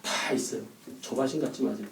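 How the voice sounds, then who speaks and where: A man's voice: mid-range voice, brisk, a little hiss or hum. A man giving a classroom history lecture, often putting questions to the class and acting out quotes. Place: lecture room. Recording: echoey room, mic at a distance.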